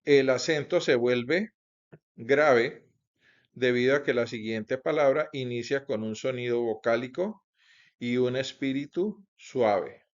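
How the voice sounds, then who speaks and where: A man teaching a grammar lesson, explaining slowly and carefully, with many small connecting words. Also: medium pitch. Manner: slow, careful explaining with frequent "pues" and "entonces". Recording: dull lo-fi recording.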